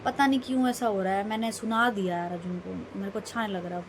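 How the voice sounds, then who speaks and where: A woman's voice: mid-range voice, steady tone, fast talker, a little hiss or hum. A young woman vlogging casually, telling a rambling, emphatic story about her day. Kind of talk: casual vlog monologue.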